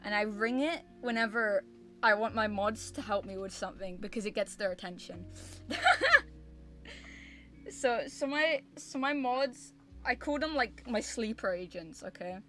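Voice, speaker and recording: Bright, high-voiced woman, cute bubbly streamer. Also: normal speed. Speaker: variety streamer and VTuber. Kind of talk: casual livestream chat. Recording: music behind the voice. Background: music.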